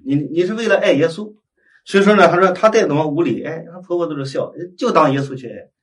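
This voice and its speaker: A man's voice: a little high, fast. Man telling a prayer story from a distance. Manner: retells dialogue in lively acted-out quotes. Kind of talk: storytelling in conversation.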